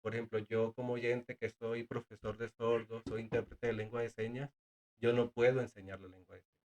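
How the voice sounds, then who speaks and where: Talking a little fast, this guest speaks in a medium-pitched, somewhat mellow voice with little pitch movement. He works as a sign language interpreter and teacher of deaf students, and in this casual conversation he is earnest, hesitating often and repeating words.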